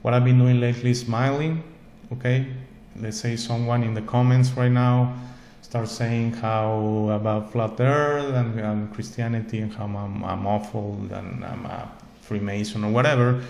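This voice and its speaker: On his own show, a non-native English speaker gives a rambling, heartfelt spiritual talk to camera, full of repetition and "okay?". His medium-pitched voice is steady, a little slow, creaky and slightly mellow. The recording has an echoey room and faint ambient noise.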